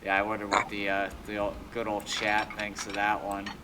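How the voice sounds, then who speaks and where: A young man with a fairly low voice talks casually over his gameplay, joking and narrating each step as he builds. It sounds like a home desk mic, with game noise clearly audible underneath. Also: completely flat delivery, moderate pace. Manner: joking, thinking aloud while building. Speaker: let's play co-host.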